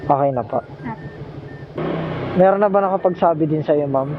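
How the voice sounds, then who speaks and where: A Filipino motorcycle taxi rider with a fairly high voice jokes and teases politely with his passenger over a helmet intercom, speaking at a normal pace. They're riding through traffic outdoors. The intercom mic is muffled, and loud vehicle and street noise fills the background.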